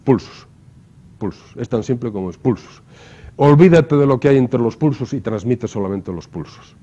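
A man lectures to his class in a mellow, dark voice, walking through the material step by step. He keeps checking in with rhetorical questions. The recording is muffled and lo-fi. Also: medium pitch, expressive, normal speed. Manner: explanatory, asks rhetorical questions with frequent tag "¿no?". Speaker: university lecturer.

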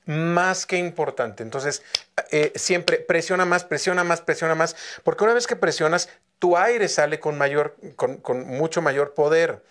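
A man's voice: on the high side, measured pace, fairly bright tone. A man working as a singing teacher, giving feedback in a vocal coaching session and repeating instructions insistently.

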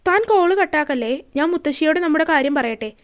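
A woman's voice: high voice, lively intonation, a little fast. A woman voicing a young man in love who coaxes and teases in a story reading. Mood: coaxing. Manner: coaxing and teasing.

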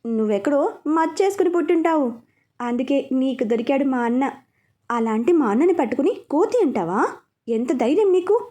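A woman's voice: high-pitched, animated, fairly quick, dark tone. Woman voicing a bossy, teasing young woman. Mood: mock indignant. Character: teasing young woman, the heroine's sister-in-law and friend. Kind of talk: storybook dialogue.

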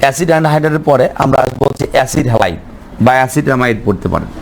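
A man's voice: medium pitch, lively intonation, rapid-fire, a little hiss or hum. A male chemistry teacher giving a lecture, asking the class questions and answering them himself, repeating each name over and over. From Bangladesh.

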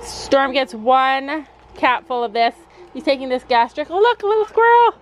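A woman's voice: high voice, expressive, normal speed, low-quality recording. A woman vlogging outdoors with her daughter, chatting to viewers and putting on silly voices for the animals. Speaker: vlogger and mother. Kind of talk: casual family vlog. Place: outdoors at a horse campground. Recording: outdoor noise behind.

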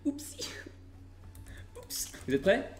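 Excitable French gaming streamer, echoey room. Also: male voice, takes it slowly, in a whisper. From Burgundy, France. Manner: playful, excitable, swears casually. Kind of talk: live gaming commentary.

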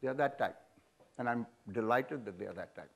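A man's voice: mid-range voice, brisk, creaky. A man in his seventies with an Indian English accent, speaking frankly and animatedly as a guest in an on-stage interview, recorded on a lapel mic. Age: 70s. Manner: animated, frank, sweeping hand gestures, chuckling. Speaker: business leader guest. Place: auditorium stage.

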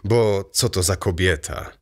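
A man reading an audiobook voices a fussy, excitable aging male baron in a raised, eager, chattering manner. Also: deep voice, a little slow.

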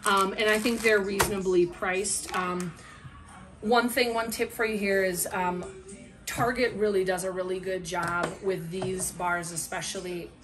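A middle-aged woman gives a casual, informal product review at some length, seated at a table in a small room at home. Her voice is medium-pitched and steady, and she speaks without hurry while music plays in the background. The camera picking her up sits a short way off across the table.

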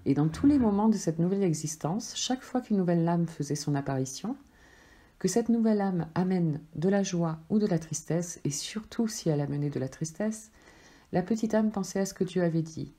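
A woman, a life coach, reading a spiritual story aloud in a slow, gentle, measured way. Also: on the low side, animated.

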